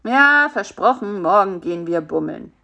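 A woman's voice: medium pitch, expressive, normal speed, creaky, bright, forceful tone. A woman voicing a fat, lazy male spider who acts the know-it-all but is timid at heart, in a storybook reading. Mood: stalling. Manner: sleepy, smug, fretful. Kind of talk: storybook character voice.

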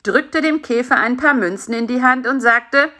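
A woman narrating a children's story in an expressive reading voice. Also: on the high side, moderate pace.

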